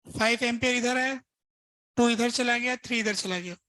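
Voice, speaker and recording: A man's voice: very high-pitched, moderate pace, bright, forceful tone, dry recording, low-quality recording. A man teaching a physics lesson, working through examples step by step and asking his students rhetorical questions. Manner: casual, conversational teaching. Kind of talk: lesson at a board.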